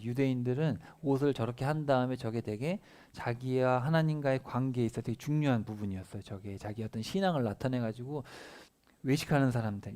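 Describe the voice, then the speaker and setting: A man's voice: mid-range voice, warm tone. A middle-aged male pastor reading scripture aloud in a family sermon, then explaining it in simple words and putting questions to the children.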